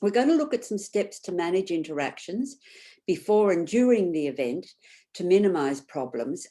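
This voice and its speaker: A woman facilitator presenting an online workshop in a conversational way, pausing often with ums and restarting phrases. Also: on the low side, warm tone. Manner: thoughtful, frequent ums and restarts. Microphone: video call.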